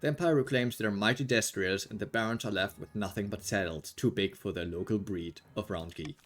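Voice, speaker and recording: A man's voice: lowish voice, fairly quick, soft background music. A man narrating a board game on a live stream, with dry, wry delivery. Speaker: game storyteller.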